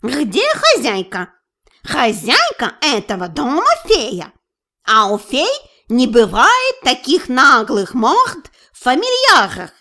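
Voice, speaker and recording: A woman's voice: high voice, pushed and bright, full character voice. A woman voicing a grumpy male house spirit with burring r's and a scolding, folksy manner.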